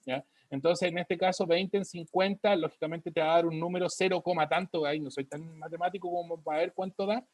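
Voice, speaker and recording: A male biology teacher gives a recorded class, his voice fairly high and his intonation fairly even, at a brisk pace with no echo. After each point he asks a questioning "ya?" to check in. He writes on the board as he talks, drifting away from the mic.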